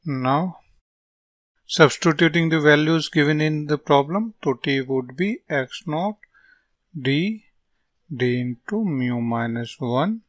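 Slow-paced North Indian man tutoring. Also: on the high side, no echo. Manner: halting, dictating in short phrases as he writes. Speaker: physics tutor. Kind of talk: step-by-step lesson, reading out worked solutions.

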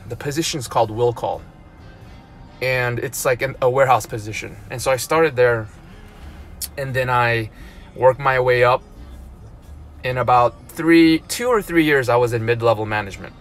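A man's voice: medium pitch, fairly bright tone. Rambling man in his thirties, filming in a car. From South Korea. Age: 30s. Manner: rambling, with frequent restarts and repeated words. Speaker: blogger. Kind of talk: casual live-stream monologue. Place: parked car, indoors. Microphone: phone at arm's length.

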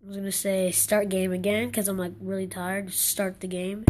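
A woman's voice: medium pitch, level tone, normal speed, very noisy. Frustrated young woman gaming commentary. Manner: frustrated, exclaiming, rambling with many restarts. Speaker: gaming channel host. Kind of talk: casual gameplay commentary.

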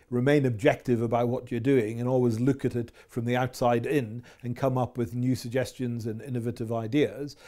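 A man in his fifties with a Scottish accent, talking with a relaxed, warm tone. He answers a business interviewer in a measured, reflective way, often pausing on fillers. He is recorded on a lapel mic in an office. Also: mid-range voice. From Scotland. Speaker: company chief executive, interview guest. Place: office with window blinds.

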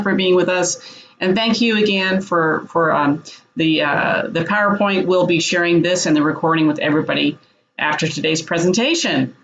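A woman's voice: on the low side, fairly bright tone, poor audio. A woman hosting a webinar, thanking the presenters with small stumbles over a video call. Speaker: webinar host. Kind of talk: closing remarks.

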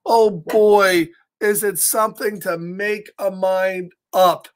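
A storyteller for children, an American man in his fifties, reads a picture book slowly in a high voice with fairly even intonation. He's expressive and chats playfully with his young viewers along the way. The setting is a small indoor room at home.

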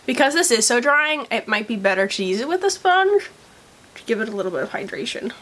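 A woman's voice: a little high, animated, a little fast, a bit bright. A woman talking casually through a makeup review vlog, chatty with lots of likes and ums, a bit of morning voice. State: morning voice, coughing. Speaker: beauty vlogger. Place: at home, later by a window.

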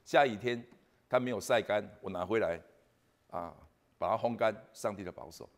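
Preaching at a Christmas church service, a soft-spoken man whose voice sits on the low side speaks with a Taiwanese Mandarin accent. His delivery stumbles and repeats, full of "ah" fillers.

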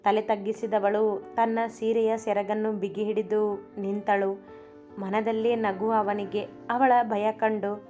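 Woman reading a story out, mid pitch, steady, soft music behind. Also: takes it slowly. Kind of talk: scripted story narration.

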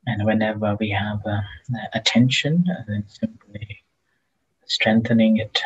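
A man teaching a guided meditation speaks gently and haltingly, leaving long pauses between phrases. His voice is husky, breathy and fairly low, with fairly even intonation, and the recording sounds muffled.

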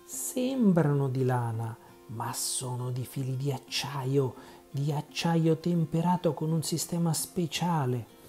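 A man's voice: medium pitch, animated, takes it slowly, soft background music. A man voicing a sly, plump woman knitter in a storybook reading, coaxing and confiding. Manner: coaxing, confiding, hushed at times.

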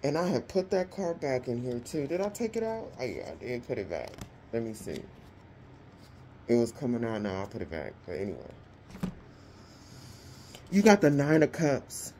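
A woman's voice: rumbling low, big pitch swings, moderate pace, long pauses, dark tone, slight background noise. A woman doing a casual tarot reading, talking to her viewers in a slangy, exclamatory way. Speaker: tarot reader.

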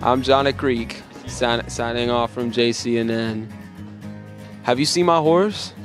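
Goofy loud cowboy reporter played by a teen boy, school hallway, handheld mic, music bed. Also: medium pitch, steady tone, a little slow. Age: teens. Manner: loud, exaggerated cowboy drawl with yeehaws. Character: goofy cowboy reporter, male, teen, hunting his horse. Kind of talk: comic hallway skit.

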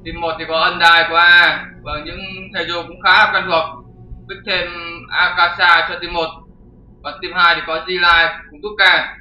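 A man's voice: high-pitched, flat delivery, normal speed, pushed and bright, a little hiss or hum. A man hosting his channel and commentating a game replay in a chatty, jokey way with crude slang. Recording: roomy, dull lo-fi with faint music.

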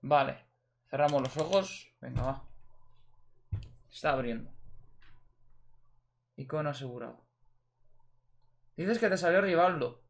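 Slangy young Spaniard commenting on card packs. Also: male voice, fairly high pitch, unhurried, creaky, long pauses. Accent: Spain Spanish. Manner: slangy, swears freely, talks straight to viewers. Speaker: gaming video host. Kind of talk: casual pack-opening commentary.

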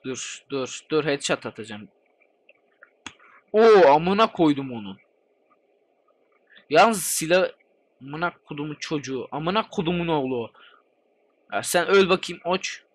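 A man with a high, lively voice commentates a game he's playing. He is excitable and chatty, swears constantly and swings his voice up and down as he reacts. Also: unhurried, long pauses. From Turkey. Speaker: gaming channel host. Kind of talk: let's play commentary.

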